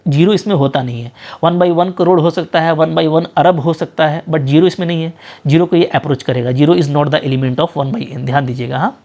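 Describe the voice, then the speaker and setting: A man teaching an exam-prep math lecture with an Indian English accent, often repeating short check phrases and slowing sharply when he reads out definitions. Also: on the high side, darkish tone, muffled recording.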